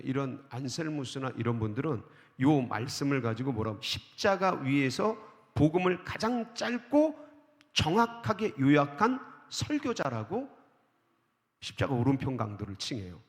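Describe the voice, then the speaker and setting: A man's voice: medium pitch, big pitch swings, normal speed, gravelly. A male pastor preaching a sermon at an early-morning church service. He keeps asking the congregation questions, answers them himself, and reads scripture verses aloud. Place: church sanctuary. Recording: long hall reverb of a church.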